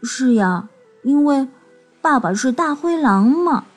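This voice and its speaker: A woman playing a little wolf cub, high and eager, bouncy, storybook, soft music. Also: animated, takes it slowly, exaggerated voice. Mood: sheepish. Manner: eager, pleading.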